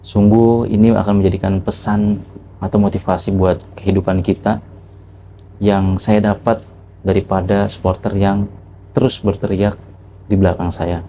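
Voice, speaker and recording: A man's voice: low voice, flat delivery, normal speed, pauses often, dark tone, slight background noise. A man telling a reflective motivational story to the camera, asking rhetorical questions as he goes. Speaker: vlogger.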